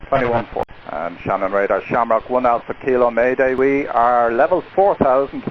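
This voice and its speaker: A man's voice: medium pitch, moderate pace, narrow, tinny audio. A man speaking as an airline pilot, making procedural calls over the radio. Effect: radio transmission. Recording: faintly noisy aviation radio.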